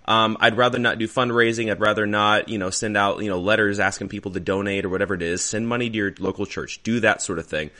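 Bright-voiced casual male podcast host. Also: fairly low pitch, fairly even intonation, quick pace, few pauses. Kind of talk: casual, conversational show introduction.

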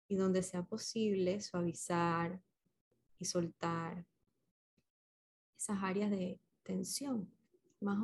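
A woman with a medium-pitched voice facilitates a guided meditation. She speaks gently and unhurriedly, pausing between short instructions.

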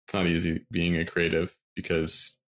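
A man's voice: low voice, monotone, normal speed, a bit bright. A man hosting a podcast who chats in an upbeat, encouraging way. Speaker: podcast host. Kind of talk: casual interview conversation.

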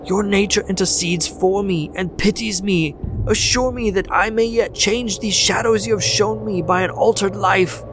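A male storyteller puts on an old miser's voice, pitched high and pleading in anguish. He cries out desperately over music playing in the background. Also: lively intonation, slow pace. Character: old miser man, terrified and begging.

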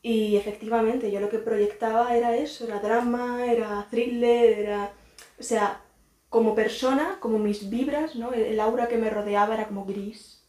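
A woman's voice: a little high, fairly even intonation, normal speed, darkish tone. A woman, an actress, talking openly and reflectively as a guest in a casual podcast chat. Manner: open and reflective, laughs easily. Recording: roomy echo.

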